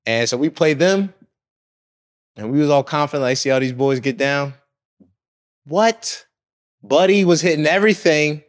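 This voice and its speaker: A man's voice: a little high, fairly quick. Slangy young man telling game stories. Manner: slangy, animated, acts out quotes, laughs often. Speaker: guest, pro basketball player. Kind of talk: casual storytelling chat.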